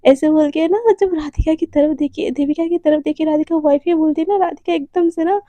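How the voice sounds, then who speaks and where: A woman's voice: high-pitched, fairly even intonation, fairly quick, warm tone, no echo. A talkative woman telling a romance story in a casual way to her channel's listeners. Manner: chatty, talkative.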